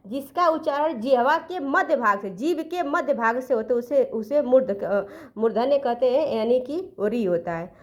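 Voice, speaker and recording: A woman with a high, light voice teaches an exam-prep grammar class. She explains step by step, poses questions and answers them herself, and slows down to spell out letters one by one. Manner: self-corrects, counts letters aloud slowly.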